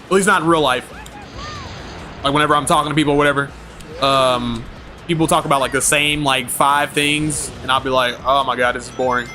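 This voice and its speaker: A fairly high-voiced man chats casually on a game stream, telling stories in loose slang and breaking into laughter often. His tone is bright and forceful. Faint game music plays underneath. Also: steady tone, moderate pace. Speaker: gaming streamer. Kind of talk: casual livestream chat.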